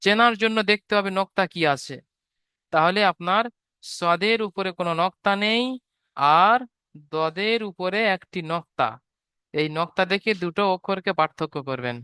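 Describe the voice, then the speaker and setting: A man's voice: sits high, moderate pace, sharp tone, clear, resonant tone, dry recording. A man teaching Quran letter sounds patiently, repeating each point and drawing out every sound. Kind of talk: step-by-step online lesson.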